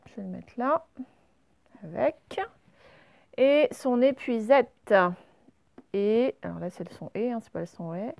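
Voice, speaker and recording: A woman's voice: mid-range voice, lively intonation, a little mellow, dry recording. Patient French teacher woman, dry sound. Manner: patient, slow and clear, stretching out example words. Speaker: primary school teacher. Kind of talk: recorded spelling lesson for young pupils.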